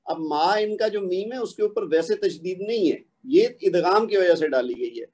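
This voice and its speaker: A man with a Pakistani Urdu accent teaching Quran recitation rules in an online lesson, explaining patiently and reciting examples slowly. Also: sits high, lively intonation, darkish tone.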